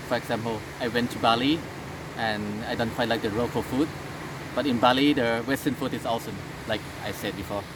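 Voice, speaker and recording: Against very noisy surroundings, a man from Thailand talks in accented, second-language English during a casual interview. He is halting, restarting often and leaning on fillers, with a medium-pitched voice.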